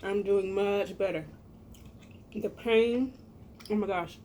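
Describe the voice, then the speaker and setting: Taking it slowly, a medium-pitched middle-aged American cooking vlogger talks casually to her audience with folksy, emphatic expressiveness. There is slight background noise.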